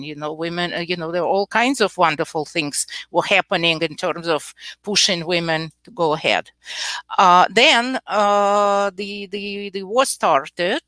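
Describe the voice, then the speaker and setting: A woman from the Soviet Union speaking as a panelist, brisk and emphatic. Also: mid-range voice, fairly bright tone, no room sound. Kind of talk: panel discussion.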